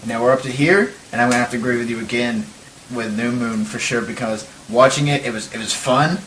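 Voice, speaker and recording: A man's voice: mid-range voice, brisk, a bit bright. A young man hosting a podcast, chatting casually and joking about movies. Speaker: podcast host. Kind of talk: casual chat. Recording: echoey room, mic at a distance, faint hiss.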